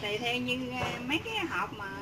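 A woman's voice: on the high side, animated, a little fast. A woman chatting plainly about her cashew peeling work, outdoors at a rural home. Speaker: cashew peeler. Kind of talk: casual chat. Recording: loud outdoor background noise.

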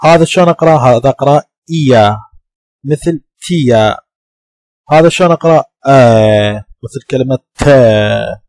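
A man's voice: medium pitch, fairly quick, a little mellow, dry recording. A man with an Iraqi Arabic accent teaching English pronunciation in a patient lecture, repeating the sounds many times. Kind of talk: classroom lecture.

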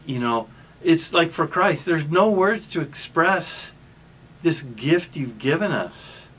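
A male pastor giving a sermon in a conversational, storytelling way, often restarting his sentences and pausing mid-thought. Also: a little high, lively intonation, a bit bright. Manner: conversational, with frequent restarts and trailing pauses.

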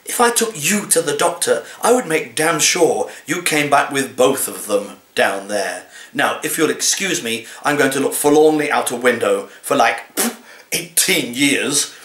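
This is a home recording from a small living room, echoey and roomy, of a man in his sixties reading humorous verse. An actor by manner, he adopts a cat's persona and delivers the lines deliberately, theatrically and expressively in a medium-pitched voice.

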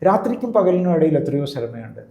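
A man's voice: on the high side, big pitch swings, quick pace, creaky, dark tone. A priest explaining his views in an interview, in a teacherly way, often checking with the listener. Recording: roomy echo.

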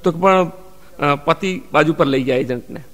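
Comic storyteller, male, high and bright, switches voices for his characters; reverberant stage recording. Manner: acts out the characters in his jokes with quick voice shifts. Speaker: stand-up comedian telling jokes. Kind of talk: Gujarati joke telling.

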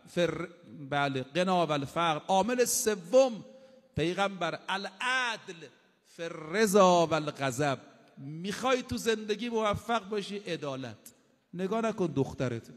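Guy preaching a sermon, pretty high voice, recites arabic lines then explains em casually, long hall echo. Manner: recites short Arabic sayings, then explains them in casual spoken Persian; addresses the audience directly, with emphatic repetition.

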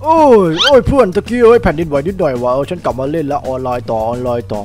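A man doing a brash young gamer, high-pitched. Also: quick pace, over music. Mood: excited. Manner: brash, excitable, shouty exclamations. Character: loud careless young male gamer neighbor.

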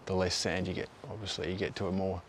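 A man's voice: low voice, fast, a little hiss or hum. A man in his thirties from Tasmania with an Australian accent, presenting a local history video outdoors in an easygoing, conversational way. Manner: relaxed, conversational, offhand asides. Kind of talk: casual on-location presenting. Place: outdoors by a river and on park paths.

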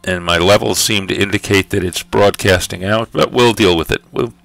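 A man's voice: on the low side, moderate pace, creaky, a bit bright, soft background music. A man hosting a casual livestream, chatting with viewers about his audio levels and setting up a writing sprint, with lots of fillers.

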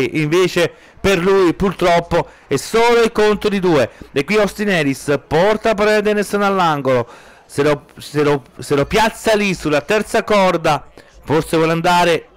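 High-pitched Italian man doing excited sports commentary. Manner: urgent, exclamatory, drawn-out stressed words, rising to shouts at key moments. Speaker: wrestling commentator.

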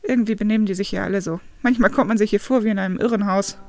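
A woman's voice: medium pitch, racing, soft background music, close to an everyday voice. Woman reading as a laid-back amused guy, teasing, storybook read-aloud. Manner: teasing, relaxed. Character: easygoing, amused male companion.

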